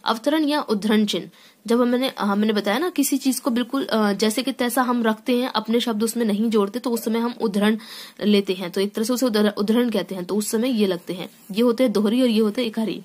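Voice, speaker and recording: A woman's voice: a little high, fairly quick, a little mellow. A woman teaching a grammar lesson. She explains step by step, often checks in with "theek hai", and reads each rule aloud before unpacking it. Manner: reads sentences aloud then explains them.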